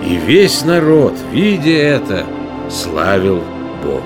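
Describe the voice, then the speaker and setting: A man narrating a children's Bible story in an expressive storytelling manner. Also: mid-range voice, slow pace, music in the background.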